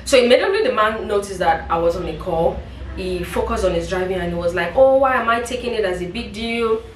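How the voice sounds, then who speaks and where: A woman's voice: medium pitch, animated, brisk, distant mic, a little hiss or hum. A young woman recounts a personal story to her viewers, talking casually and with feeling and turning aside to address them. Her voice sits in a middle range and carries a roomy echo. She sounds a little away from the mic. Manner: emotional, vivid retelling with asides to viewers. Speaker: vlogger.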